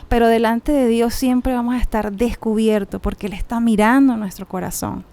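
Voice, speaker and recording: A woman co-hosting a church podcast, reflecting on a Bible passage in a relaxed, conversational way with hesitant fillers. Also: a little high, normal speed. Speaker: podcast co-host. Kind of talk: casual chat, Bible reflection.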